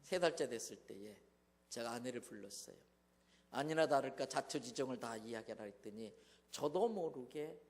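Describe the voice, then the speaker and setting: A man preaching a revival sermon as a guest pastor, telling a personal story with dramatic swings from hushed asides to loud exclamations. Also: medium pitch. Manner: dramatic, swings from hushed to shouting in acted quotes. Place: church sanctuary. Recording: long church hall reverb.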